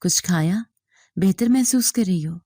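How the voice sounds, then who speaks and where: A woman's voice: on the low side, lively intonation, warm tone, no room sound. A woman voicing a stern, worried husband who questions and scolds in a dry, close recording. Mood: concerned. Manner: reproachful, questioning. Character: stern worried husband, middle-aged man.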